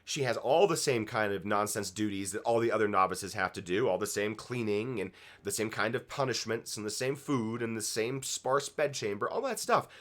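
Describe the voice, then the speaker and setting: A man co-hosting a fan review show gives casual, opinionated episode commentary, emphatic and swearing freely. His lowish, slightly bright voice has lively intonation, moving at a moderate pace with hardly any pauses.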